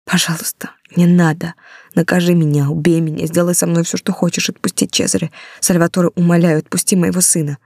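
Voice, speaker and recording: A woman's voice: fairly low pitch, level tone, fast talker, few pauses, darkish tone, no echo, clean studio sound. A woman reading an audiobook, voicing a desperate mother in a pleading, tearful way.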